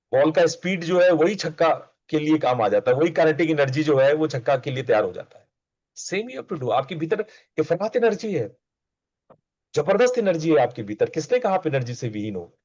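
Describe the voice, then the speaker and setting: A man's voice: fairly high pitch, darkish tone, dry recording. Male spiritual teacher, coaxing conversational discourse, repeats himself for emphasis; dry, dull recording.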